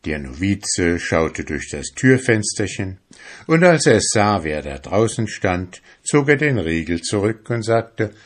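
A man narrating a fairy tale in a calm, measured reading style. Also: fairly low pitch.

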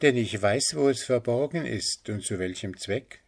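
A man voicing a small, kind male hare in a fairy tale, gently lifting his voice. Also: medium pitch, lively intonation, normal speed, vocal fry, pitched above the performer's own voice.

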